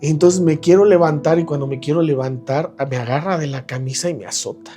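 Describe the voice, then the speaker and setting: Mexican man telling a lively personal story. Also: a little high, a little fast, soft background music. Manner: animated, acts out quoted voices, laughs at himself. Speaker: guest.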